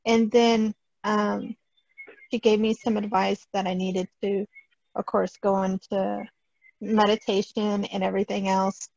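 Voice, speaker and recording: A woman's voice: mid-range voice, little pitch movement, a little slow, gravelly, a little mellow, highs cut off. A woman on a video call telling how she learned she was a healer, hesitant and quoting herself. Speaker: guest healer. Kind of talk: casual storytelling.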